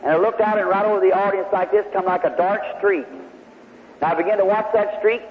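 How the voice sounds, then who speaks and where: A man's voice: high voice, fairly even intonation, a little fast. Male preacher, folksy storyteller, long reverb of a big hall, faint hiss under it. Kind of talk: sermon testimony storytelling. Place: large hall before a congregation. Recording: tinny old hall recording with faint hiss.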